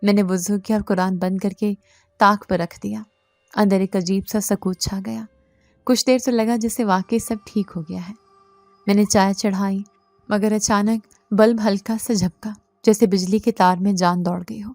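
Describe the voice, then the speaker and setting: A woman narrates a first-person horror story in an earnest, tense voice at a middle pitch. The recording is close and dry, with no room sound at all. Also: fairly even intonation, a little mellow, no room sound, faint music behind.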